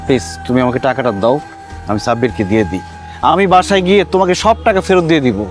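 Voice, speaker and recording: An actor playing a kind-hearted young husband who talks earnestly, lecturing and pleading. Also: male voice, high-pitched, rapid-fire, faint music behind, close to an everyday voice. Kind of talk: TV drama acting.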